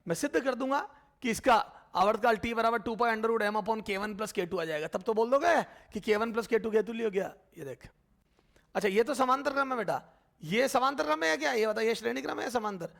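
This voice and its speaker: High gravelly male physics teacher. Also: fairly bright tone. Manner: addresses students as beta, asks and answers their questions himself; repeats terms slowly while writing. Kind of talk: blackboard physics lecture.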